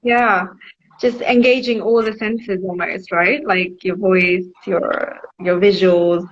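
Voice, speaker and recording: A woman's voice: mid-range voice, fairly even intonation, slow pace. A woman guest in a casual interview, talking in an enthusiastic, chatty way with plenty of fillers. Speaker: guest, bibliotherapy advocate. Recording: dull lo-fi sound with faint noise.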